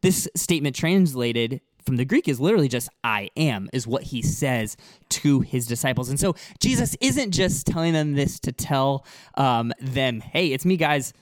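A man's voice: medium pitch, very animated, moderate pace, no echo. A man co-hosting a casual Bible discussion, explaining passages earnestly and often repeating words as he thinks. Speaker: Bible study podcast co-host.

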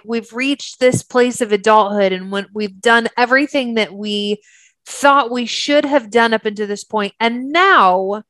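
A woman's voice: a little high, a bit bright, no room sound. Woman podcast host, earnest and chatty, close dry mic. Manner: earnest, chatty, many fillers. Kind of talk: conversational podcast monologue.

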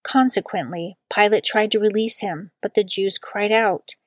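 A woman's voice: mid-range voice, fairly even intonation, dry recording. Woman reading scripture, dry close sound. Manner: slow and deliberate on quoted words. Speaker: scripture reader. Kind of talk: measured liturgical reading.

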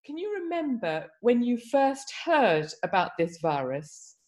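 Woman interviewer, slightly high pitch, soft encouraging conversational questioning. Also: very animated, unhurried.

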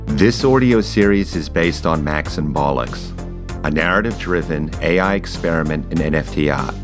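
A man reading the opening credits of an audio series in a slow, measured way. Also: a bass voice. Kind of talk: scripted credits read-out. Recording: music bed under voice. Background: music.

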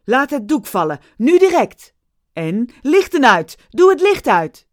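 A woman voicing a furious male theatre director who loudly barks outraged orders. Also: high voice, big pitch swings, measured pace, no room sound, clean studio sound, voice pushed up. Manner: loud, outraged barking of orders.

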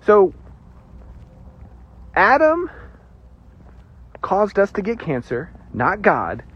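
Animated, husky male preacher. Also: high-pitched. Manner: animated, joking asides, emphatic pauses. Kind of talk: casual sermon teaching. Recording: dull lo-fi sound.

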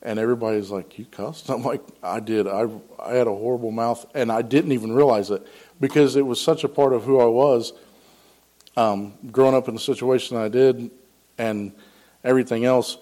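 Man, casual devotional talk, earnest and rambling, mid-pitched voice. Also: fairly even intonation, normal speed, dark tone. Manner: rambling and earnest, with frequent ums and restarts; acts out quoted dialogue in a raised voice. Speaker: lay speaker sharing a devotional. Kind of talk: casual personal testimony.

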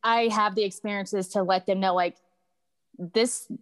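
A woman speaking candidly as a guest in casual conversation, halting at times and often saying "like". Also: medium pitch, fairly even intonation, dry recording. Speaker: guest sharing personal experiences.

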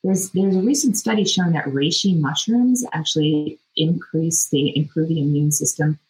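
Low-voiced woman casually explaining as a doctor. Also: normal speed, a little mellow, rough recording. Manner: informal, plain-worded, frequent "you know" and "like". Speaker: dermatologist podcast guest. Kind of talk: casual explanatory interview talk.

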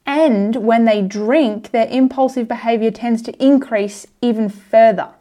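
Young aussie woman podcasting, chatty explainer, voice sits a bit high. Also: a little slow, dark tone. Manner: chatty, explains with asides and laughs. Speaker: podcast host. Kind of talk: casual educational monologue.

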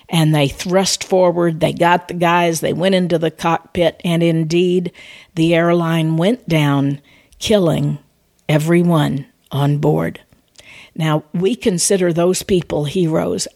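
A woman's voice: low voice, gravelly, a little mellow, no echo. Earnest woman preaching, dry close sound. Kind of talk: evangelistic testimony and appeal.

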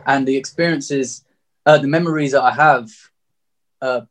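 This thirty-year-old man from Margate, England, has a southeast English accent and a mid-range voice. He speaks at normal speed with fairly even intonation. As an interview guest, he tells his personal story openly and reflectively.

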